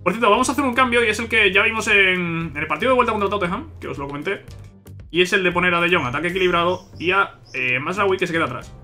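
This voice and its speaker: A man's voice: high voice, fast, soft background music. A man commentating his football video game as he plays, talking to viewers, often repeating himself and complaining that the game is unfair. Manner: frustrated, repetitive ranting at the game, swearing; bursts into loud excited shouts at big plays. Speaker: gaming youtuber. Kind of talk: live gameplay commentary.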